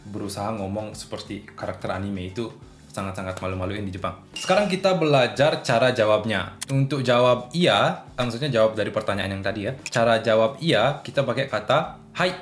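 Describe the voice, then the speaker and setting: A man's voice: fairly low pitch, a little fast. A young man casually teaching a language lesson, chatty and patient, working through spoken examples. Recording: roomy echo with faint music.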